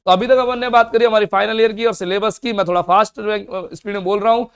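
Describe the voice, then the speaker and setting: Guy teaching accounts real fast, fairly high voice, keeps asking himself questions n answering. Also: steady tone, smooth. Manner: brisk, asks and answers his own questions. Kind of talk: fast classroom lecture.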